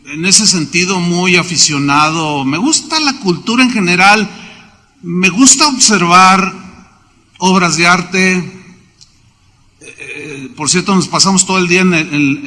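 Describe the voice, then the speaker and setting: A man preaching a sermon as pastor, telling stories with lively asides. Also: high-pitched. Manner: storytelling preacher who acts out quoted voices. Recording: long reverb of a large hall.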